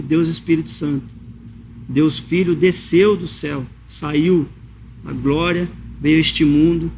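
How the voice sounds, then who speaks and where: A man from Brazil preaching a sermon, reading scripture aloud and explaining it with emotion and slow, repeated emphasis. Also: fairly high pitch, a little hiss or hum.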